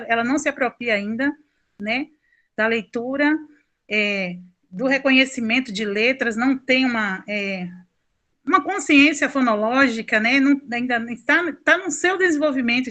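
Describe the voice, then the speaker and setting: A woman's voice: high-pitched, sharp tone. A woman with a Brazilian Portuguese accent giving an online course presentation, explaining at length with many fillers and self-corrections. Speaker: lecturer.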